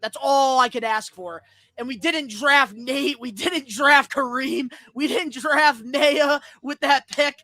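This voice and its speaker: A high-pitched, bright-voiced man reacts live, excitable and prone to yelling and swearing. His voice is recorded close and dry. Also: slow pace, no echo. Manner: excitable, shouts and swears in bursts of joy. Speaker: streamer reacting to a sports draft.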